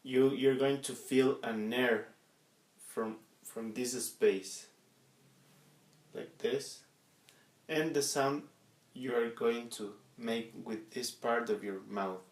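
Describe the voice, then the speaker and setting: An echoey room carries the voice of a man giving a practical lesson. He speaks slowly at a middling pitch, explaining each step haltingly and often repeating a word before going on. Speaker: instructor demonstrating body percussion sounds. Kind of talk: instructional demonstration.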